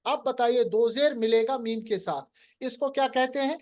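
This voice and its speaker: A man teaching Quran recitation in a lesson, quizzing his student and slowly drawing out recited words. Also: extremely high pitch, a little mellow. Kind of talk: online lesson.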